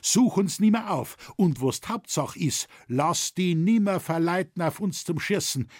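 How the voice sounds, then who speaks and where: A man voicing a sly, mocking poacher with a Bavarian dialect and a slow, teasing drawl. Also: high voice, lively intonation, a little mellow, dry recording, studio quality, voice pushed up. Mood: commanding.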